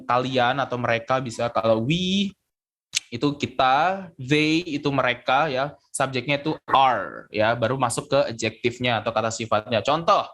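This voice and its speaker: A man's voice: mid-range voice, a bit bright. A young man teaching an online English lesson, switching between Indonesian and English and patiently repeating words and syllables as he explains pronunciation. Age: young adult.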